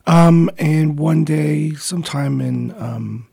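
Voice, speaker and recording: In a radio studio interview, a guest who writes comic books speaks in a fairly high, creaky, dark voice, taking his time. He's about forty, born in the Philippines and raised in Montreal, and he comes across as friendly but hesitant, with lots of ums.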